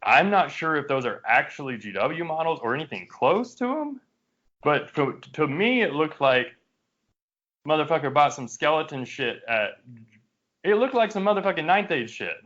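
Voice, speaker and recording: Guy on a podcast ranting about a game, lots of swearing and likes, kinda high voice, muffled lo-fi audio. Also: normal speed. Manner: profane, animated storytelling with frequent fillers. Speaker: podcast co-host. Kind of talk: casual chat among friends.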